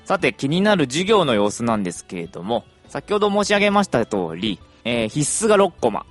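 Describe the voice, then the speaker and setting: A man's voice: on the high side, fairly quick, faint music behind. A young adult man chatting through a casual podcast monologue, with plenty of fillers. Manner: chatty, lively intonation, many fillers.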